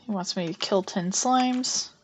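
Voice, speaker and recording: A woman's voice: medium pitch, a little slow, a little hiss or hum. A young woman streaming a farming game, chatting casually and talking through each move she makes. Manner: chatty, narrates her gameplay aloud, hums to herself. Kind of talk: casual live-stream chat.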